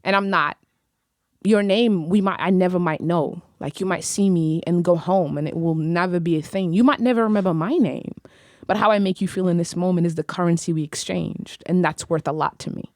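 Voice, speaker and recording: This young woman, a poet guesting on a podcast, has Arabic as her first language and talks in a relaxed, vivid, reflective way. Her fairly low, somewhat dark voice moves fairly quickly, recorded dry on a studio mic on a stand in a small room, headphones on.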